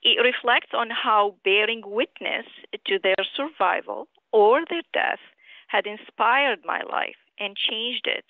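A middle-aged woman from Syria, a physician and author, answering interview questions over the phone in a measured, earnest way. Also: medium pitch, no room sound. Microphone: telephone. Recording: tinny phone line.

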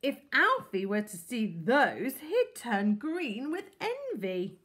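A soft, kindly lady who gushes and pleads in a lilting, high voice, voiced by a woman reading aloud. She speaks slowly, with a breathy edge, from a storybook. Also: big pitch swings, exaggerated voice. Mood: insistent. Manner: effusive, pleading. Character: sweet, gushing middle-aged woman doting on her pet.

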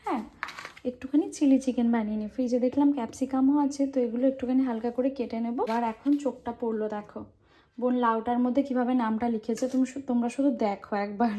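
A woman's voice: on the high side, fairly even intonation, brisk, mellow. A young woman narrating her family day at home to camera in a casual, chatty vlog style, talking to her viewers as guys. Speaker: family vlogger.

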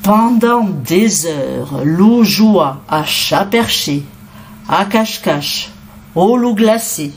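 A woman reading a children's storybook aloud as narrator, expressive and unhurried. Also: medium pitch, slight background noise. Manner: expressive, unhurried, sing-song.

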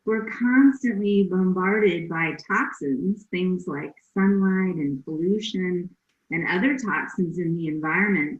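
A woman doctor explaining a health topic slowly and deliberately with everyday examples. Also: fairly low pitch. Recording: dull echoey room recording.

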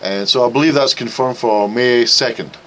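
A Scottish man talks as a guest in a radio studio, relaxed and dry-humored. He explains martial arts in an easy, conversational way. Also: mid-range voice, moderate pace, slight background noise, poor audio. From Scotland. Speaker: MMA coach, studio guest. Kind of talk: casual radio talk show chat.

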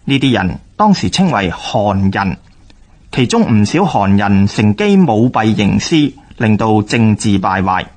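With a Hong Kong Cantonese accent and a voice on the low side, a man delivers scripted historical radio narration. The reading is formal and measured yet very animated.

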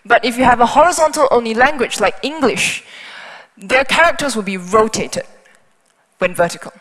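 On stage in a large conference hall, a woman whose first language is Chinese gives a technical talk through a headset mic, explaining step by step with small asides. Her voice is slightly high and fairly bright, with lively intonation and a moderate pace. Hall reverb colors the sound.

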